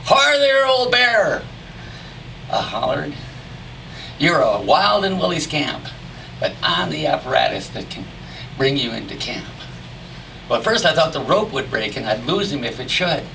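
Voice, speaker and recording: Male cowboy poet, creaky voice, folksy rustic delivery with dramatic pauses, recorded from a distance in a noisy room. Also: mid-range voice, big pitch swings, bright, forceful tone. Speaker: cowboy poetry performer. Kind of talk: cowboy poetry recitation, drawn-out storytelling verse. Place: live poetry reading at a venue.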